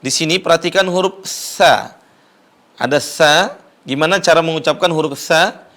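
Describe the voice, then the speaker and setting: A man with an Indonesian accent, teaching Quran recitation slowly and patiently, repeating sounds for viewers to copy. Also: on the high side, a bit bright. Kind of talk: Quran recitation lesson with chanted verses. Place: studio.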